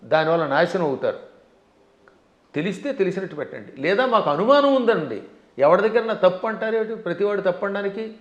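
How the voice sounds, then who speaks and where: A man, a scholar giving forceful, lecturing answers in a devotional interview, sometimes chanting mantras slowly. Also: fairly high pitch. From South India. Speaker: Vedic scholar guest. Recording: dull sound in an echoey room.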